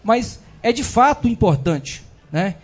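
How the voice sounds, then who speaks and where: A man's voice: high voice, very animated, slow pace, husky. A man giving an indignant speech as a city councilman in a council chamber, full of repeated fillers.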